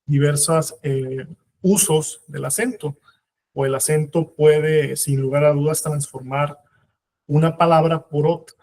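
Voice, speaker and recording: A man with a Mexican Spanish accent teaching a legal writing course, pausing often with fillers and restarting his sentences. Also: fairly high pitch, creaky, mellow. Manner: halting, many fillers and restarts. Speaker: instructor. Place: training course room.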